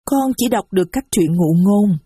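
A woman voicing a small, innocent little girl who speaks slowly and sweetly in a storybook reading. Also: mid-range voice, expressive, warm tone, husky, no echo. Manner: slow, sweet childlike phrasing.

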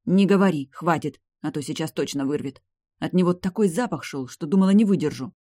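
A reader doing a jumpy, sharp-tongued young heroine. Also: mid-range voice, brisk, no room sound, studio quality, lightly acted. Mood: disgusted. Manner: raised, excited, louder than the narration. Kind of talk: audiobook character voice.

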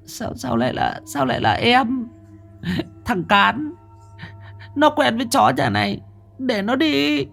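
Guy doing a squeaky scared village kid, stammers a lot, whines. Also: very animated, slow pace, gravelly, long pauses, a bit bright, soft background music, exaggerated voice. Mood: whining. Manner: stammering, whiny. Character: timid stammering young village lout.

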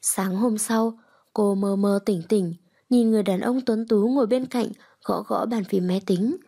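A woman's voice: medium pitch, fairly even intonation, moderate pace, warm tone, husky. Woman narrating a romance story.

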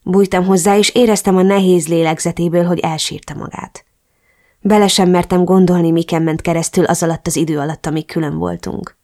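A woman narrating a first-person romance audiobook in an expressive, emotional way. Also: on the low side.

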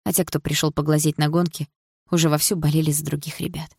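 Low, gravelly female audiobook narrator. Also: little pitch movement, fast, darkish tone, no echo, studio quality. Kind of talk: first-person novel reading.

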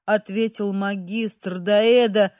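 A woman narrating a first-person fantasy audiobook with an expressive, emotional reading. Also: medium pitch, takes it slowly, no room sound, clean studio sound.

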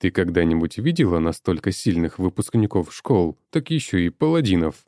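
A man voicing a gruff, bossy young man in an audiobook, curt and commanding. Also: low-pitched, sing-song, moderate pace, warm tone, dry recording, studio quality. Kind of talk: audiobook character voice.

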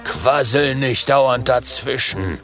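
Man doing a slow, booming grumpy dragon. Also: very animated, music in the background. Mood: grumbling. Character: huge grumpy hungry dragon, male.

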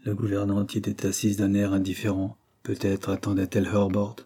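Guy reading an old novel, low husky mellow voice, steady pace. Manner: steady, measured narration. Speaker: audiobook narrator.

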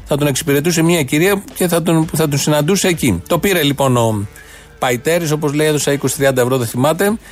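A man's voice: a little high, faint music behind. A man hosting a satirical news show, reading items in a mock-serious, sarcastic way.

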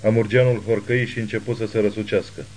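A man narrating an audiobook novel with steady, measured reading. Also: on the low side, a little hiss or hum, low-quality recording. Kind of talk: scripted narration.

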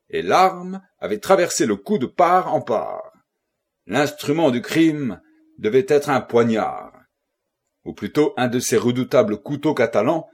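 A man reads a first-person novel aloud with expressive, dramatic delivery. His voice is a little husky, and his pitch swings widely to carry the tension of the scene. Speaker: audiobook reader.

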